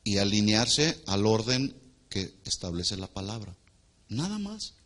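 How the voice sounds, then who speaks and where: A man preaching a sermon to a congregation as their pastor. He asks the people questions, waits for their answers, and swings between loud emphatic lines and quiet asides. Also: on the low side, very animated, a little slow. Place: church hall before a congregation.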